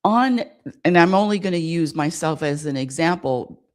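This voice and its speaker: A woman's voice: sits low, lively intonation, normal speed. A woman hosting a spirituality radio show, talking in a repetitive, searching way and often asking listeners for agreement. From United States. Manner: repetitive and searching, calls for audience affirmation. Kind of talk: spiritual talk monologue.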